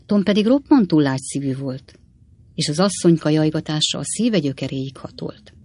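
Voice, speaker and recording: A narrator reading a story aloud as an audiobook in a slow, storytelling manner. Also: medium pitch, lively intonation, warm tone. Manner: slow, storytelling, addressing listeners.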